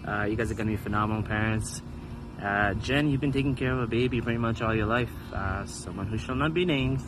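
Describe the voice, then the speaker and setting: A man's voice: lowish voice, fairly quick, music in the background, poor audio. A man giving joking, casual encouragement to parents-to-be. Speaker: friend giving well-wishes. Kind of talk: casual heartfelt message.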